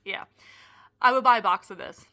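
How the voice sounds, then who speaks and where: Bright-voiced chatty young woman. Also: medium pitch, moderate pace. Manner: chatty, excitable, lots of "like" and restarts. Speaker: product reviewer. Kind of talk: casual review vlog.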